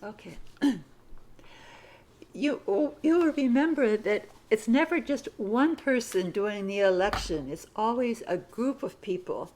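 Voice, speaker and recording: A woman's voice: on the high side, animated, unhurried, darkish tone. A woman teaching a citizenship writing lesson, patiently dictating sentences and spelling words out letter by letter.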